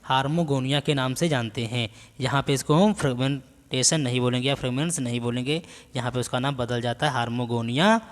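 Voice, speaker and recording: A male teacher gives an exam-prep biology lecture at a middle pitch. He reads notes out slowly, then asks questions and answers them himself. The room adds a long, ringing reverb. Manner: dictates notes slowly, then explains and quizzes with repeated questions.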